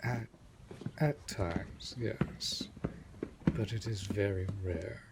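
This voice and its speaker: This man plays a vampire master centuries old, the protective, possessive and courteous lord of a manor, addressing the listener directly in immersive audio roleplay. The voice sits on the low side and is exaggerated and breathy, frequently sinking to a near whisper, while his delivery stays formal, deliberate and measured, composed and polite. Loud noise fills the background.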